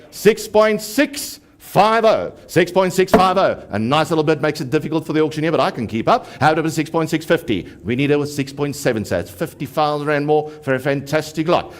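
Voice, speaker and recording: A man working as an auctioneer, calling a live auction in a repetitive rapid-fire chant broken by slow, emphatic price calls. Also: on the high side.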